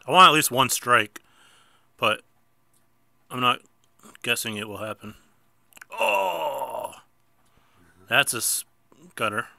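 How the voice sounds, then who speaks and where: A man hosting a gameplay video speaks slowly and expressively in a medium-pitched, gravelly, sharp voice, leaving long pauses, with no room sound. Congested, he chats casually as he plays mobile bowling, making fun of himself and suddenly erupting over missed shots.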